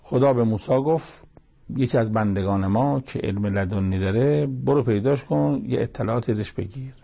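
A man leads a verse-by-verse scripture lesson, speaking in short, measured phrases. His voice is gravelly and husky with a dark, mellow tone. He retells the dialogue of the story as he explains each verse. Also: medium pitch. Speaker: Quran commentator. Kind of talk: religious lesson, verse-by-verse commentary.

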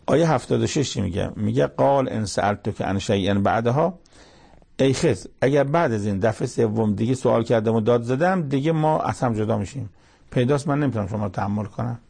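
A man's voice: medium pitch, vocal fry, a little mellow, slightly rough. A man giving short verse-by-verse Quran commentary, telling the scripture story plainly with everyday sayings. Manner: plain storytelling with colloquial asides.

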